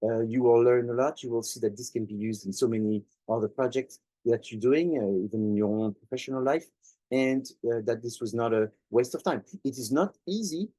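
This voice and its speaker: A man's voice: medium pitch, fairly quick, warm tone, dry recording, poor audio. A man lecturing students as a professor, speaking conversationally and repeating points for emphasis.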